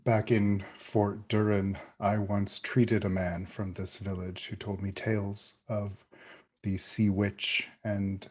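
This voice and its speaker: A man playing a tabletop game, speaking in character in a measured, matter-of-fact way. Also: fairly low pitch, little pitch movement, a little mellow. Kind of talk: improvised in-character role-play.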